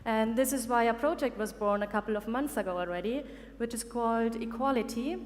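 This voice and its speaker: A woman's voice: fairly high pitch, big-room sound. A woman hosting a conference session, presenting fluently and upbeat. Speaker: event host. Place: large conference stage.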